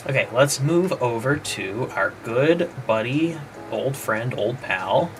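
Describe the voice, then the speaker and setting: A man's voice: mid-range voice, animated, slow pace, background noise. A man developing a game, casually talking himself through playtesting and trailing off mid-thought. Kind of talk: casual think-aloud dev stream. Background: background music.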